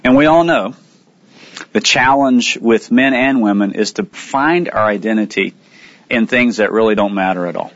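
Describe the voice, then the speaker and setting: A man's voice: on the low side, normal speed, no room sound. Earnest male radio ministry host. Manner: earnest, conversational, reads rap lyrics aloud. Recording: dull lo-fi studio sound with faint music.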